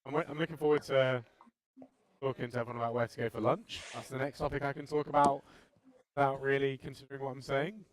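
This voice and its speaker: A man's voice: mid-range voice, little pitch movement, quick pace. A man who is a tournament player rambling casually, thinking aloud in a dryly jokey, self-deprecating way.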